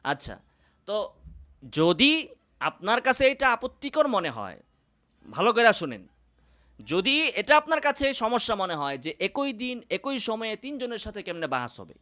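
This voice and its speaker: Sharp-voiced scornful male preacher. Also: high voice, big pitch swings, moderate pace, pauses often. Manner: mocking, scornful, rhetorical questions. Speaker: Islamic preacher. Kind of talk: combative video monologue. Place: indoors in his room.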